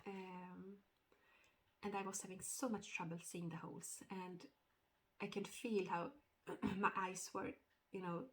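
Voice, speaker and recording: A woman with a cold, sounding a little nasal, giving a casual stitching update vlog with many hesitant fillers and throat-clearing. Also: lowish voice, flat delivery, measured pace, a bit bright. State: has a cold, slightly nasal. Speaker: cross-stitch vlogger.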